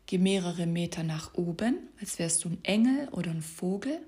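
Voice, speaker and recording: A woman coaching the listener in a soft, partly whispered voice. Her voice sits a little low. She gives calm, direct instructions, speaking straight to one person. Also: normal speed. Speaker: life coach. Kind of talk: motivational coaching talk.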